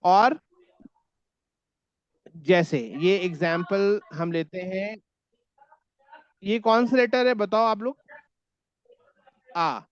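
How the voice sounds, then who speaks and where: Male teacher on an online class, talks slow, says words again n again for students, kinda muffled call audio. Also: sits high, clear, resonant tone. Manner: patient, repeats words for students to echo. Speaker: German language teacher.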